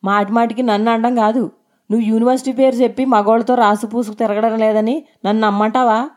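A woman's voice: on the high side, brisk, mellow, lightly acted. A woman voicing a crude, sneering husband. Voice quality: mocking, sneering. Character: boastful, crude young husband.

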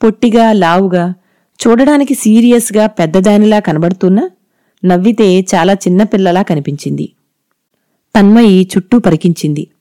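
Calm woman narrating a story, mellow. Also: medium pitch, normal speed, dry recording, clean studio sound.

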